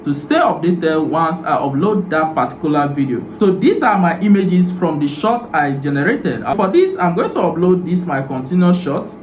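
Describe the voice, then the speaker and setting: A man talks through a screen tutorial one step at a time, leaning on "so" and "now". His voice sits a little high for a man. The recording has a roomy echo and a faint hum of background noise. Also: big pitch swings, normal speed, few pauses. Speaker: tutorial host.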